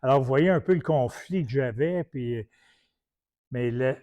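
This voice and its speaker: A man's voice: mid-range voice, a little slow, a little mellow. A man from Quebec with a Québécois French accent, preaching in a colloquial, anecdotal style full of restarts. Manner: colloquial storytelling with many restarts. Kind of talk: anecdotal teaching talk.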